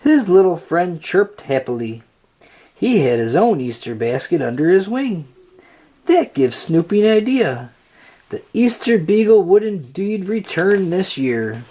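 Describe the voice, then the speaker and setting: Reading a children's storybook aloud, this narrator speaks in a deliberate, expressive storytelling style at a medium pitch.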